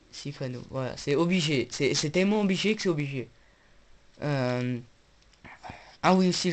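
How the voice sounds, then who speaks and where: Excitable young man rambling over gameplay. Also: a little high. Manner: excitable, joking, rambling with fillers and slang. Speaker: gaming YouTuber. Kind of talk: casual let's play commentary.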